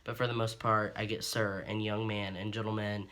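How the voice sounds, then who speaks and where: This Ohio vlogger in his twenties has a voice on the low side, a bit bright, delivered flatly at a moderate pace. Talking earnestly and openly to camera, he wanders through a personal monologue full of ums and false starts.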